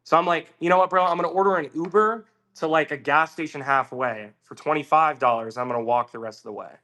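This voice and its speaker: A man's voice: on the high side, fast talker. A man telling a long casual story on a podcast, swearing freely and acting out what other people said. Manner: animated, swearing, acts out quoted voices. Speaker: podcast guest.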